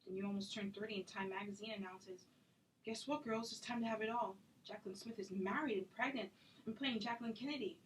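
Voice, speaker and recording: A woman's voice: medium pitch, slight background noise, close to an everyday voice, low-quality recording. A woman acting a self-taped drama scene as a hurt, indignant friend, intense and accusatory in her delivery. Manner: accusatory, intense, rapid-fire.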